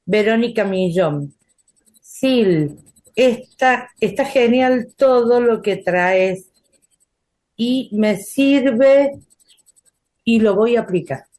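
Woman co-host, reads comments aloud, slow even delivery. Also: a little high. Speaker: co-host reading viewer comments.

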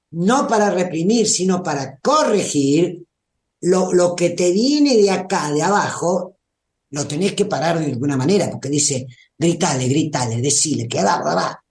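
Argentine woman host, unhurried motivational speaker, roomy recording. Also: lowish voice, darkish tone. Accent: Argentine Spanish. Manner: unhurried, coaxing, often asks "¿se entiende?". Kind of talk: motivational talk to a live audience. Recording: roomy echo.

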